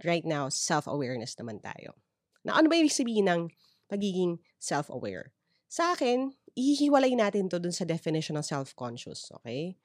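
A Filipino woman podcaster with a slightly low voice and a dry, close sound. She talks through advice conversationally, switching between two languages and explaining as she goes with little check-in tags. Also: wildly swooping pitch, fairly quick, no room sound. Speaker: podcast host.

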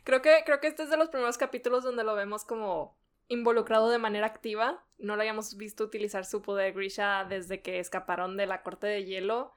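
A woman's voice: medium pitch, steady tone, fairly quick. A woman co-hosting a casual book discussion, chatty, laughing often and trailing off mid-thought. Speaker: book podcast co-host.

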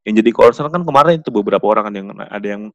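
A young man hosting a casual chat about football, talking quickly and restarting his sentences often. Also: fairly low pitch, lively intonation, dull audio.

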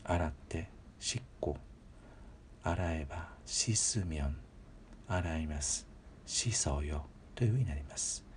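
A man giving a patient, measured grammar lesson, repeating example words slowly and pausing often with fillers. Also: rumbling low, a little hiss or hum. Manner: polite instructional phrasing with frequent filler pauses. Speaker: language teacher.

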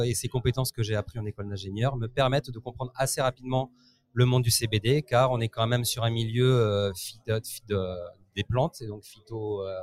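A man's voice: mid-range voice, a little mellow. A man, a company director, answering interview questions at a trade fair, hesitant with many fillers. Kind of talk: casual interview.

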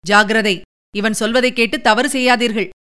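A woman's voice: a little high, steady tone, moderate pace, fairly bright tone, clear, resonant tone, close to an everyday voice. A woman voicing a bold young male warrior in an audiobook story, close to her own reading voice.

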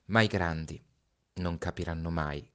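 Deep calm guy reading a story out loud, slow and hushed. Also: smooth. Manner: slow, hushed, reflective pauses. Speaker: storybook reader. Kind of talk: read-aloud story narration.

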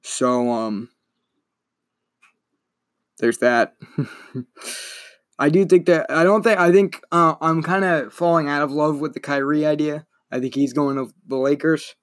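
A young man talks through his solo sports podcast in a loose, rambling way, stopping to correct himself as he goes. His voice sits a little high for a man. The recording is dry and close, with no room sound. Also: measured pace, pauses often, dry recording. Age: young adult. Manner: rambling, self-correcting, chatty. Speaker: podcast host.

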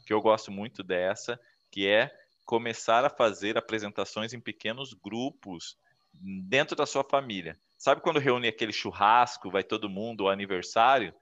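A man with a fairly low voice talks an interviewer through practical speaking tips. He explains plainly and slips into acted-out voices when telling anecdotes. The sound is dull and lo-fi. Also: moderate pace, fairly bright tone. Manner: explanatory, acts out quoted voices while telling stories. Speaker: communication coach guest. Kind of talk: interview advice talk.

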